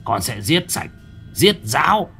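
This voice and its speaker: A man's voice: mid-range voice, big pitch swings, measured pace, bright, forceful tone, soft background music, pitched above the performer's own voice. A man voicing a cackling vengeful old sorcerer. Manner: gleeful cackling, menacing taunts.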